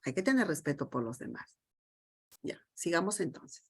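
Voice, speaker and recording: Her deep, slightly rough voice is very animated as she leads a teacher-training lecture by video call at a moderate pace. The middle-aged woman speaks emphatically and repeatedly poses rhetorical questions to the group.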